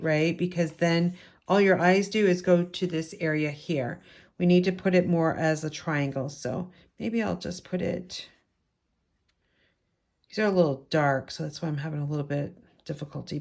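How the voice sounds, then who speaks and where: Still recovering from a head cold, an American card-making instructor speaks in a slightly low, raspy voice with a darkish tone. She works in her home craft room with the windows open, casually explaining each step of the tutorial as she goes.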